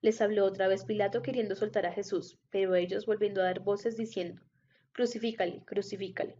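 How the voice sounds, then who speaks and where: Woman scripture reader, warm, even delivery, muffled lo-fi recording. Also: mid-range voice, slight background noise. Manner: steady, measured reading. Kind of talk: Bible reading. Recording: dull lo-fi recording.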